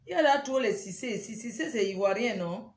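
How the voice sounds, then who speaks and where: Speaking fairly quickly in an animated, slightly high voice, a woman runs a casual live stream on her phone from inside her home. She keeps urgently repeating her pleas to viewers and teases them with scolding banter, all in a roomy-sounding space.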